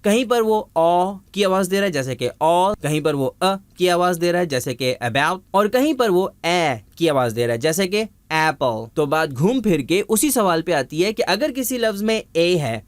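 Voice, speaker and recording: A man with a fairly high, very lively voice teaches pronunciation in a video lesson. He works through each point step by step, poses questions to the viewer and repeats example words slowly. The sound is dry and close. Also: dry recording.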